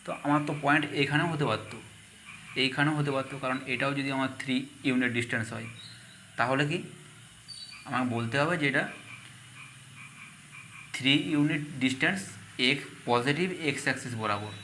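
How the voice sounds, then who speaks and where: A man's voice: mid-range voice, fairly quick, pauses often, pushed and bright, a little hiss or hum. A man teaching a math lesson, asking questions and answering them himself.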